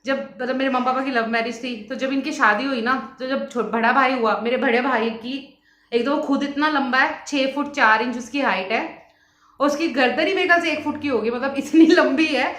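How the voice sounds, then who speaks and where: A young woman talks quickly and casually as she shares home beauty tips, often breaking into laughter. Her voice sits a little high. The room around her is echoey and hollow. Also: fairly bright tone. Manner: fast-talking and laughs often. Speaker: beauty vlogger. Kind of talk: casual chatty vlog.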